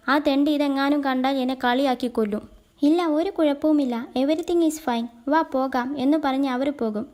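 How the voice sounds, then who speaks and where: High-voiced woman narrating a drama recap. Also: a little mellow. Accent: Malayali. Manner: retells scenes, quoting characters in her own voice. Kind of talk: casual storytelling recap.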